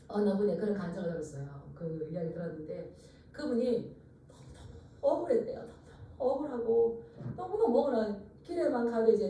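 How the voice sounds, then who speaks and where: In a church sanctuary, heard from a distance amid echoes, a woman pastor with a warm, medium-pitched voice leads her congregation in repeated phrases. Her preaching is earnest, built on call and response.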